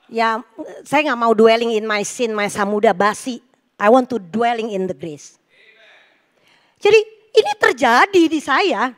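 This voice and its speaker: High-voiced middle-aged woman preaching. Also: unhurried. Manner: lively, joking storytelling with the congregation. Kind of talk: sermon. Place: church service.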